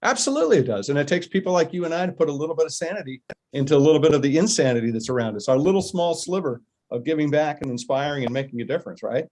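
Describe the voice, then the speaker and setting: Man, American, podcast host, casual chat, enthusiastic, jokey, rapid talk. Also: fairly high pitch, expressive, a little mellow. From United States.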